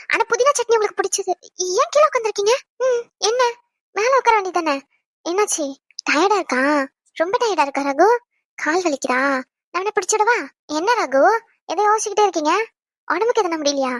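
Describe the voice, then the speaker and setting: A woman's voice: very high voice, lively intonation, a little fast, fairly bright tone, no echo, clean studio sound. A young woman playing a caring pregnant wife in an audio drama, chatty, fussing and tender. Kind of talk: Tamil audio drama acting.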